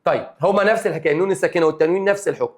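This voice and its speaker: A young man with an Egyptian Arabic accent teaching an exam review lesson, drilling rules over and over and quizzing his students. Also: high-pitched. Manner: rapid, repetitive drilling with questions to students.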